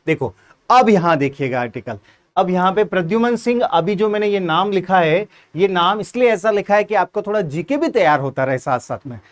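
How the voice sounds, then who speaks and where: A man's voice: sits high, animated, a little fast. A man with a Hindi accent teaching an exam-prep grammar lesson, explaining step by step and asking questions that he then answers himself.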